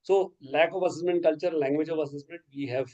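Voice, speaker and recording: A man whose first language is Urdu lectures teachers over a video call as a workshop resource person, explaining things and frequently checking in with "okay" and "right?". His voice is fairly high and mellow and moves fairly quickly, and the audio is dull.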